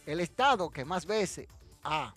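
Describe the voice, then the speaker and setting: A man's voice: a little high, lively intonation, slow pace, a bit bright, soft background music. A man hosting a casual live trivia stream, teasing viewers and answering the chat directly. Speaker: livestream host running a wrestling trivia quiz.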